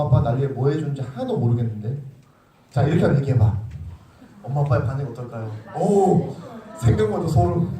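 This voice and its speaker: A young male youth pastor preaches to teenagers in a loose, teasing way, his pitch swinging widely as he acts out little scenes. His voice sounds mellow and slightly higher than most men's. It was recorded in a roomy, echoing church hall with the mic some distance away. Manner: informal, teasing, acts out quotes with laughter. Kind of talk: sermon to middle schoolers. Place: church sanctuary. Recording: echoey room, far from the mic.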